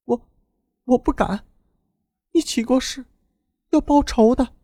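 A male narrator voicing a deranged young man who giggles and cries out in a high, wavering voice. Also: fairly even intonation, measured pace, vocal fry, a little mellow, no echo, exaggerated voice. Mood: frightened. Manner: cackling, breaks into cries. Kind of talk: audiobook narration.

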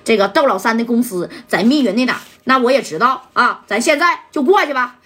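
A woman's voice: on the high side, expressive, brisk, fairly bright tone, slightly rough. 马三: a woman voicing a decisive gangster. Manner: urgent, decisive.

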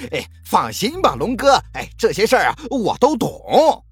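A man voicing a vicious, sneering young male thug in an audio novel, with a husky, jeering voice. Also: huge pitch swings, unhurried, soft background music, heavily acted. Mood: fawning. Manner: shrill, jeering.

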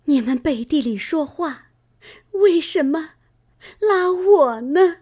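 A helpless, wronged young maid speaks through tears, her voice raised high above the reader's own. A woman acts her out in a dramatized novel reading. She pleads with a lively, wavering pitch. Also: slow. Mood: tearful. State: crying.

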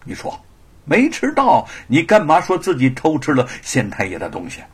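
A man's voice: a little high, wildly swooping pitch, moderate pace, husky, heavily acted. A man voicing a cold, suspicious male swordsman who speaks in a clipped way.

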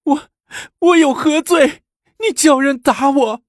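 A man voicing a defiant, sharp-tongued young imperial consort who protests shrilly. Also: sing-song, moderate pace, slightly rough, no room sound, clean studio sound. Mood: wailing. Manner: shrill, indignant.

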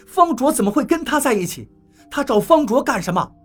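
Audiobook: woman voicing a fierce man, shouts raised high, husky edge. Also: sing-song, fairly quick, faint music behind, exaggerated voice. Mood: outraged. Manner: loud, urgent shouting. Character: brash fierce man, a fighter shouting orders.

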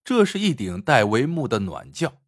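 A male storyteller reads a folk tale with expressive, scripted delivery. His voice is husky and his pitch moves in a lively way. The recording is dry and close. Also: moderate pace, dry recording.

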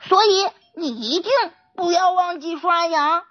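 A woman's voice: very high voice, a little slow, dry recording, muffled recording, faint music behind. A woman voicing a nervous, anxious dentist in a children's storybook, stammering and fretful. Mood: relieved.

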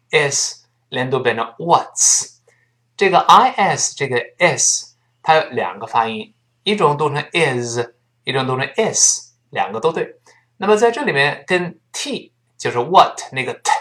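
A man teaching a spoken English lesson in Mandarin Chinese, spelling words letter by letter and drilling phrases slowly. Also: mid-range voice, a bit bright.

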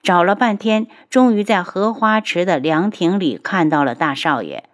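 A woman narrating a web novel audiobook with a steady, even reading style. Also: fairly low pitch, moderate pace.

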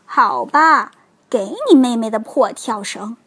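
A woman voicing a bossy big bully bear boy who taunts loudly in a storybook. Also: a little high, slow, slightly rough, exaggerated voice. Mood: sly. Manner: taunting, loud.

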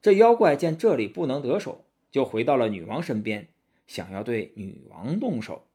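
A man narrating a storybook tale in an animated, dramatic way. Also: mid-range voice, moderate pace, husky.

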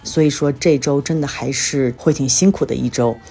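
A woman from China, sounding tired and a little under the weather, hosts a chatty solo podcast full of everyday stories about her life. Her rumbling low voice is mellow, breathy, and touched with vocal fry, at a normal speed, with faint music behind.

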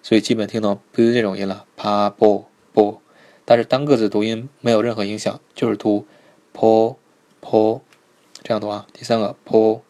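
A man teaching a live online pronunciation lesson, patiently repeating each sound slowly and checking in with his students. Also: lowish voice, little pitch movement, mellow. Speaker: Korean language teacher.

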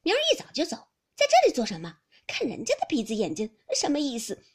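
A woman's voice: high voice, huge pitch swings, quick pace, husky, pitched above the performer's own voice, exaggerated voice. Woman doing a blunt, hot-tempered young lady. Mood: scornful. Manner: loud, blunt and sarcastic.

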